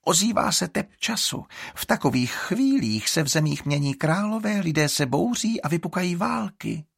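A man's voice: sits high, animated, creaky, slightly rough, no room sound, studio quality, pitched above the performer's own voice, full character voice. A man voicing a sly scheming girl. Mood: explaining. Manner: pleading then scornful.

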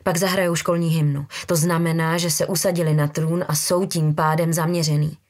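A woman voicing a brutal, menacing young man who talks in low, slangy threats. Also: little pitch movement, a little mellow.

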